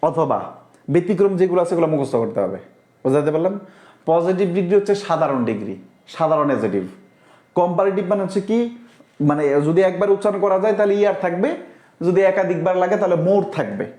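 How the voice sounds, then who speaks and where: Man, online English teacher, live class, step-by-step explanations, reads viewer comments, slightly high voice. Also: lively intonation, a little fast, dark tone, echoey room. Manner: explains step by step, often asks the class if they understood. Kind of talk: live-streamed Bengali grammar class.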